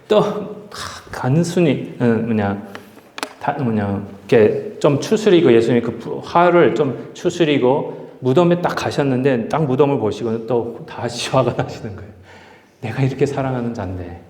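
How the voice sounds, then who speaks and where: Male pastor, mid-pitched, passionate teaching delivery; recorded in a reverberant hall. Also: darkish tone. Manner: impassioned, acts out quoted speech with rising emphasis. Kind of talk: Bible study sermon. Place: church hall. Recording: echoey hall with long reverb.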